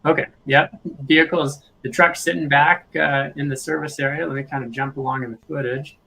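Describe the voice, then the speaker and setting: A man with a bright, forward voice talks through footage as he reviews it. He thinks aloud in a casual, informal live-commentary style, with faint noise behind him. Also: on the high side, fairly even intonation, a little fast, gravelly, low-quality recording. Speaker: video host reviewing footage. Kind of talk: casual live commentary over video clips.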